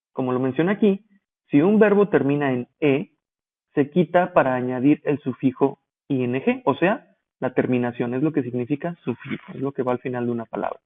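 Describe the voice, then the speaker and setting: Man teaching grammar over tinny audio. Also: mid-range voice. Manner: slow, spelled-out explanations with checking questions. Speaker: English teacher. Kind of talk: grammar lesson explanation.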